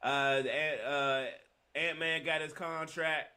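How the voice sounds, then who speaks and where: A man co-hosting a sports podcast, laid-back and halting, with plenty of fillers as he leads into topics. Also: on the high side, flat delivery, sharp tone, smooth. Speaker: podcast co-host. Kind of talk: casual sports chat.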